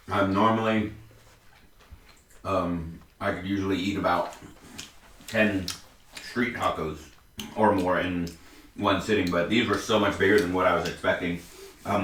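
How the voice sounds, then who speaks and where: A man's voice: sits low, fairly even intonation, normal speed, long pauses, bright, forceful tone, a little hiss or hum. A man telling a rambling story in a laid-back way while he eats. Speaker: mukbang co-host. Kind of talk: casual chat while eating. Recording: echoey room, mic far off.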